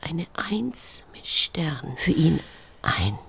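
A woman playing a proud female schoolteacher, gushing and slipping into breathy whispers. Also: deep voice, sing-song, slow pace, exaggerated voice. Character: proud female schoolteacher in horn-rimmed glasses. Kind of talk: radio play acting.

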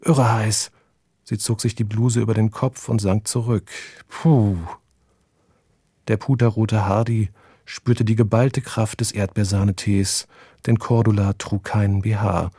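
Male narrator, wry audiobook reading, close and dry, warm tone. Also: lowish voice, flat delivery, normal speed, breathy edge, dry recording. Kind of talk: reading fiction aloud.

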